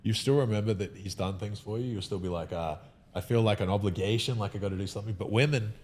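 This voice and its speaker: Speaking quickly in a very low, slightly mellow voice, a man makes his points in a podcast conversation. He is emphatic and opinionated and often starts a sentence only to restart it. A faint rumble runs beneath the recording.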